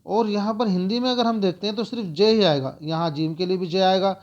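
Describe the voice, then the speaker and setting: A man gives a beginner's lesson on reading letters, saying each one, repeating it and explaining how it sounds. His voice sits a little high and his manner is steady and methodical. The recording is somewhat muffled and lo-fi. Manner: slow, repetitive letter-by-letter explaining. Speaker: teacher. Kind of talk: spoken lesson on the alphabet.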